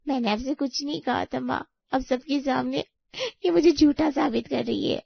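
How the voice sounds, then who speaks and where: A spiteful, scheming young sister-in-law, voiced by a woman in a cartoon story, slightly high with a gravelly edge. She accuses and whines, recorded dry and close with a dull tone. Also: normal speed, no echo, full character voice. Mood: whining. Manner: accusing, whiny. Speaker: voice actor.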